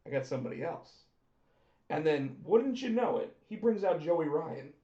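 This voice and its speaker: Though he's losing his voice, this slightly high-voiced man keeps a moderate pace and chats excitedly on a pro wrestling podcast he co-hosts. He's talkative and repeats words when starting, and the sound is roomy, dull and lo-fi.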